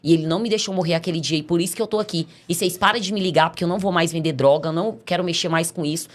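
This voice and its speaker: A woman's voice: lowish voice, rapid-fire. A middle-aged Brazilian woman telling her life story as a podcast guest, acting out the voices of the people in her tale. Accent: Brazilian Portuguese. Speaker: podcast guest giving a testimony. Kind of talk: casual storytelling testimony.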